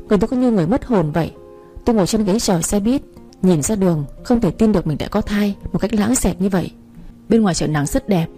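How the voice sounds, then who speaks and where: A woman's voice: medium pitch, mellow. A woman reading a first-person story aloud as an audiobook narrator, voicing the other characters' lines in her own voice. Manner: reads dialogue of several characters in her own voice.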